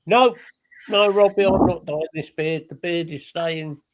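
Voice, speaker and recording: Chatty man, slightly high voice. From England. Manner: chatty, emphatic, quick to deny and correct. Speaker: podcast co-host. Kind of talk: casual chat. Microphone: remote call setup.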